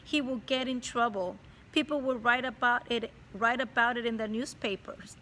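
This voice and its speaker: Reading a chapter book aloud to children, a woman teacher pauses now and then to explain it to them directly and warmly. Her voice sits on the high side, with a steady tone and moderate pace. There's a little hiss or hum on the recording.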